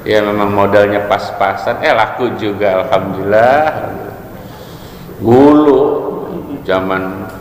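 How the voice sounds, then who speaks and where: A man's voice: on the low side, slow, pauses often, a little hiss or hum. A man giving a casual religious study lecture, joking and asking his listeners questions. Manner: joking, asks the audience questions. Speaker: religious teacher. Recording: echoey hall with faint ambience.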